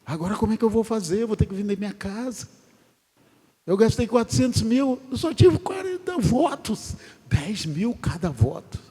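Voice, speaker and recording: A preacher playing a wailing losing politician. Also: male voice, expressive, dark tone, husky, in a large hall, heavily acted. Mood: desperate. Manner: wailing, high-pitched and rushed. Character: distraught male politician who lost an election.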